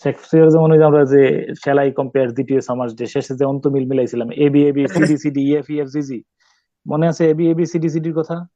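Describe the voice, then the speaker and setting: A male teacher giving a classroom poetry lesson, questioning students and pausing often to search for words. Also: a little high, flat delivery, warm tone, no room sound, highs cut off. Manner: stops to quiz students, mixes English terms, many hesitations.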